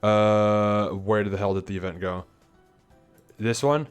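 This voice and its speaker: A man's voice: lowish voice, fairly even intonation, slow pace, smooth, soft background music. A man talking as a YouTuber reviewing a gaming event, slightly out of breath, rambling casually with lots of fillers and restarts. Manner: loose, chatty, full of fillers and restarts.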